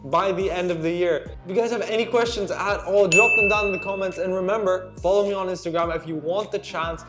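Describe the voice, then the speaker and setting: A man's voice: high-pitched, fairly even intonation, fairly quick, loud music behind the voice. A teenage boy from Slovakia answering viewer questions in a casual vlog, chatty and earnest, calling his viewers guys and dude. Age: teens. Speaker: student YouTuber. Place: at home at night.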